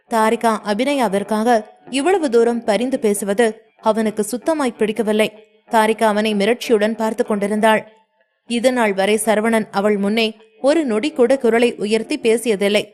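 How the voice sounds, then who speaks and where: Higher-voiced woman telling a story. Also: darkish tone. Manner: dramatic, emotive reading. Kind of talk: scripted narration.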